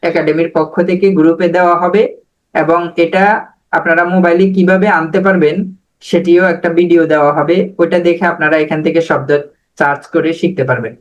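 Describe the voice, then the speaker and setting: A man's voice: a little high, fairly even intonation, brisk, lo-fi sound. A man teaching an online spoken English class over a video call, patiently drilling letters and words.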